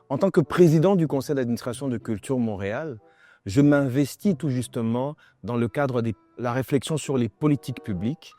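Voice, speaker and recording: A man from the Democratic Republic of the Congo, a visual artist, speaking in an interview in a measured, reflective and formal way. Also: medium pitch, mellow. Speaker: visual artist and cultural board president. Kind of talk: interview testimony. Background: faint music.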